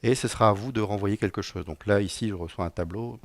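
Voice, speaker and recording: A middle-aged technical director speaks quickly in a lowish voice while live-coding before a conference audience. His tech talk is casual and dotted with fillers and wry jokes.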